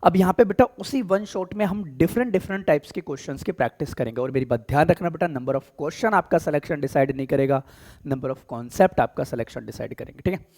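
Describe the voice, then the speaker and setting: An Indian-accented man teaches a live online English exam-prep class in a Hindi-English mix, his hoarse voice on the high side. A sore throat has him clearing his throat often as he speaks gently, softly, and slowly. He is affectionate with his students, calling them "beta."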